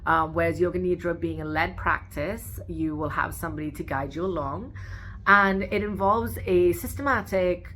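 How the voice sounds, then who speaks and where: A woman who works as an osteopathic manual practitioner, giving a calm, gentle educational talk with a few fillers. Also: lowish voice, moderate pace, a little hiss or hum. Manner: calm, gentle explanatory delivery with occasional fillers.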